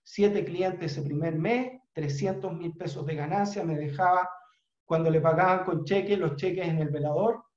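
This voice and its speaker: A middle-aged man with a Chilean accent, a business trainer telling a motivational story in an earnest, unhurried way with frequent fillers, on a video call from a room at home. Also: a little high, darkish tone. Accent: Chilean Spanish. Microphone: webcam on video call. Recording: roomy, dull webcam audio.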